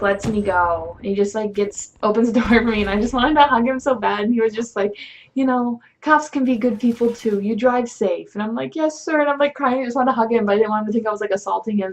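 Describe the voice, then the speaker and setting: A woman's voice: medium pitch, poor audio. A young woman vlogger telling a casual storytime, chatty with many fillers, acting out the people she quotes. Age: young adult.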